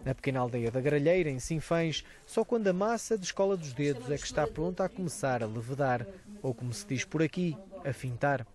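A man's voice: on the high side, animated, a little mellow. A man with a European Portuguese accent, reading a scripted news voice-over as a reporter. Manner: brisk, measured narration.

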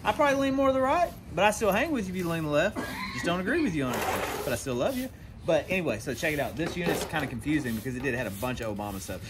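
A storage unit vlogger races through a chatty, animated unboxing outdoors, tossing in jokey asides to the camera. His voice is a little high, and crowd noise comes through clearly in the outdoor recording.

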